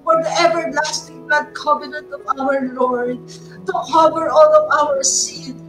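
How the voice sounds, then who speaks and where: A woman's voice: sits high, fairly even intonation, unhurried. A woman with a Filipino accent leading fervent intercessory prayer. She calls out "Lord God" between her phrases and moves between two languages. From Philippines. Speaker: prayer leader. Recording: distant mic with music underneath.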